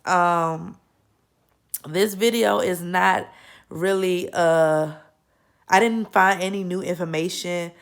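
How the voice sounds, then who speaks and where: Young woman vlogging with a cold, kinda stuffy, lower voice, rambles and restarts a lot. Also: clear, resonant tone. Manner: rambling, frequent self-corrections and fillers. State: congested from a cold. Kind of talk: casual opinion vlog.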